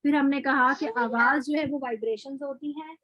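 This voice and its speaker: A woman teaching a tajweed lecture, explaining patiently, repeating example words slowly, with frequent fillers and self-corrections. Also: sits high, fairly even intonation, sharp tone, no room sound, lo-fi sound. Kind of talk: online lecture with recap.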